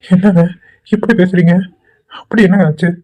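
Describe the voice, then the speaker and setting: A performer does Tweencraft cartoon voice acting as a kind, worried young man, speaking quickly, anxiously, and pleadingly in a concerned mood. The voice is medium-pitched with a steady tone and only lightly acted. The audio is narrow and tinny.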